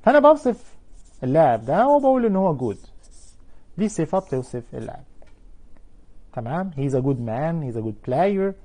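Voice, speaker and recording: A man with an Egyptian Arabic accent teaching a televised English lesson, explaining in Arabic and drawing out English example words slowly. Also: high-pitched, sing-song, dark tone.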